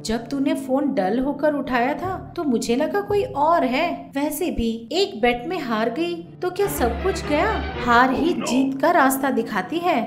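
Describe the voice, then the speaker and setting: A woman voicing a chatty, teasing young friend in a cartoon story. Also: high voice. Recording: roomy echo, faint music.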